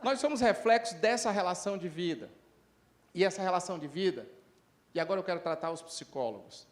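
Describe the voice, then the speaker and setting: High-voiced man giving a lively lecture. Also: a little fast. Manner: lively, acts out dialogue in different voices. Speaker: lecturer at a conference. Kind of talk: conference talk with storytelling.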